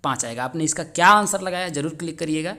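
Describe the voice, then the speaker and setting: A man's voice: a little high, fast, pushed and bright. A male teacher, walking viewers through exam answers and calling them friends. He keeps asking each answer back as a rhetorical question. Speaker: exam-prep teacher on a video channel. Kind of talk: explaining exam answers step by step.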